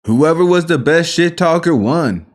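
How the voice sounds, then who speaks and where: Brief: easygoing man reacting to clips, unhurried and expressive, easily amused. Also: on the high side. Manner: laid-back, amused, chuckling often. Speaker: reaction video host. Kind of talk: casual reaction commentary.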